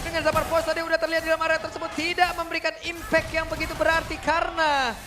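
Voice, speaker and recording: Fast, very high-pitched male esports caster. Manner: excited, dramatic play-by-play delivery. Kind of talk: esports caster play-by-play commentary of a mobile game match. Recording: music behind the voice. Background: music.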